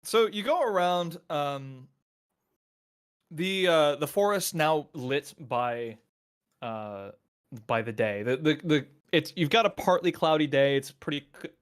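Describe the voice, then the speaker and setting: A man's voice: on the high side, expressive, slow pace, smooth. A man who is the game master of a tabletop game, describing scenes in a loose, filler-heavy way.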